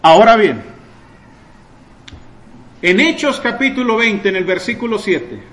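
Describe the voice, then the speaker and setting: A man delivers a sermon in a high, animated voice at a moderate pace, posing rhetorical questions to his listeners and answering them himself. He swings between loud, emphatic bursts and quieter stretches of explanation. The audio is poor, captured in an echoey room.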